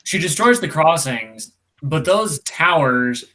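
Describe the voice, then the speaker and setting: A man's voice: a little high, lively intonation, slow pace, noisy background. A man chatting casually as a player in a tabletop game.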